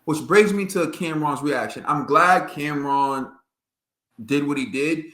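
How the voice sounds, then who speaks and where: A man's voice: on the high side, measured pace, fairly bright tone. A man co-hosting a podcast, giving emphatic casual boxing commentary and laughing often. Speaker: podcast co-host. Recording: roomy echo.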